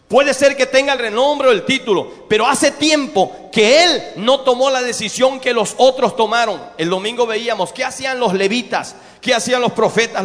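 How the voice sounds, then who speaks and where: Male pastor, emphatic sermon delivery, bright high voice, recorded in an echoey church hall. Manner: emphatic, asks the congregation to read aloud.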